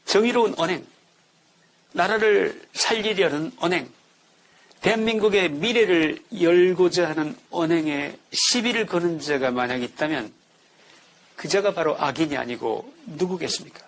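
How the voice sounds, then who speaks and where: A man's voice: a little high, normal speed. A man giving scripted political commentary in an indignant tone, building his points through rhetorical questions.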